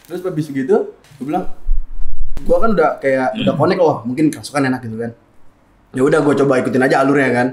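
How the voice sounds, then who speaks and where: A man's voice: mid-range voice, fast talker, pauses often, a little mellow, roomy sound. A young man with telling a story casually, repeating phrases and acting out quoted lines. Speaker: guest.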